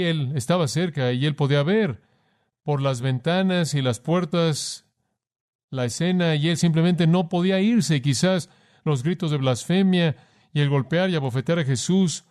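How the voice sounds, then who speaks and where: A man's voice: on the high side, moderate pace, darkish tone, smooth. A man preaching a sermon with emphasis, addressing the listener formally and asking rhetorical questions.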